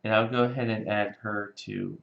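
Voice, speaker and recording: A man's voice: fairly low pitch, steady tone, moderate pace, vocal fry, reverberant. A man new to the game, thinking aloud and asking about the rules in casual board game chat. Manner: thinks aloud quietly, unsure. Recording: dull lo-fi recording.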